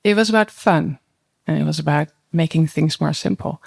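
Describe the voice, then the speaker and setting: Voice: medium pitch, moderate pace, vocal fry. Panelist speaking in plain, short sentences. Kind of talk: panel discussion, storytelling.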